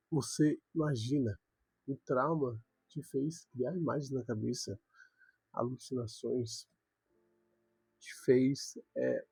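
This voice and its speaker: A man's voice: mid-range voice, gravelly, dark tone, husky, no room sound. A young man giving an earnest devotional talk, repeating words for emphasis.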